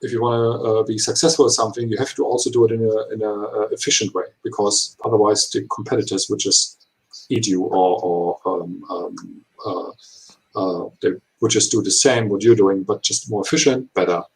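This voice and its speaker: A man of 39 who is not a native English speaker gives interview answers in halting, imperfect English full of hesitations. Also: lowish voice, fairly even intonation, creaky, poor audio. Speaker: HR professional being interviewed.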